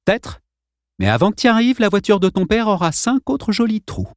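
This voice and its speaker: A cool-headed teenage boy gives orders in a calm, faintly mocking voice, as a man reading a novel puts him on. The voice sits higher than the narrator's own and stays unhurried. The reading is close and dry. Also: no echo. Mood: mockingly calm. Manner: calm, dry, quietly commanding.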